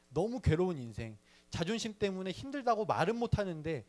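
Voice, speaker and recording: A young man telling his personal faith story in a sermon to a youth service, chatty and playful with the audience. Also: on the high side. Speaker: youth ministry speaker.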